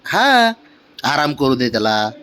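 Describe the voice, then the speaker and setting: A young man talking baby talk to his sulking pet cat, coaxing and doting in a sing-song voice with soft chuckles. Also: mid-range voice, sing-song, unhurried, a little hiss or hum. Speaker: cat owner vlogger.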